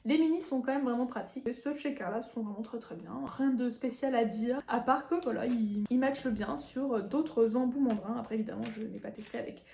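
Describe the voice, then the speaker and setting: A chatty woman talking through an unboxing, her voice a touch high but mellow and dark in tone. She rambles with fillers and quick laughs, and the room around her sounds echoey. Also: vocal fry, slight background noise. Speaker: nail artist reviewing products. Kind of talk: casual unboxing vlog.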